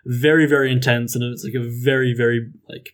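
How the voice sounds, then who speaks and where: A young Australian man from Canberra talking casually as a podcast guest. His voice sits at an ordinary middle pitch, and his speech rambles, packed with fillers and restarts. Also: steady tone, a little fast. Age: young adult.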